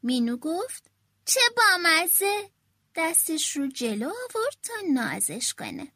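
A woman reading a children's storybook aloud, with a very high, bright voice. She tells it in an animated, lively first-person way. The sound is close and dry. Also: breathy edge, dry recording.

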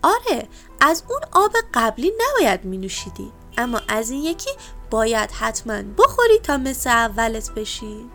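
Woman playing a little bee, high voice, patient, gently scolding, storybook helper. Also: big pitch swings, faint music behind. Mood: reassuring.

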